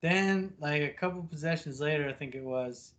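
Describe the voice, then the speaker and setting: A man's voice: on the high side, moderate pace, fairly bright tone. A man co-hosting a podcast, chatting casually in English and swearing freely as he banters about basketball. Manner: loose, profane banter. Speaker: podcast co-host. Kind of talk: casual chat.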